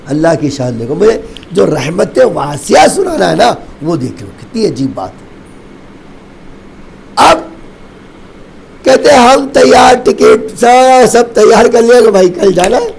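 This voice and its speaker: A man, a Shia cleric, telling a story in a mournful devotional sermon, with emotive sudden rises and drops and slow, drawn-out phrases at key points. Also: high-pitched, big pitch swings, vocal fry, a little mellow, slight background noise, poor audio. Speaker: Shia cleric reciting a majlis.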